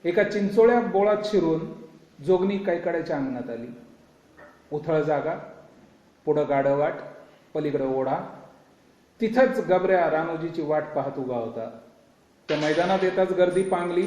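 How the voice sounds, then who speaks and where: A man's voice: high-pitched, a little mellow. A man giving a vivid, dramatic reading of a novel, in a roomy, dull lo-fi recording. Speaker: reader.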